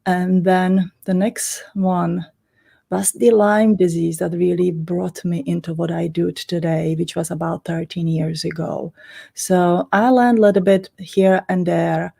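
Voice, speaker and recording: The interview guest, a middle-aged Czech woman who is an energy healer and a native Czech speaker with the accent to match, rambles through casual explanations. Her lowish voice is creaky, mellow and slightly rough, with fairly even intonation and an unhurried pace.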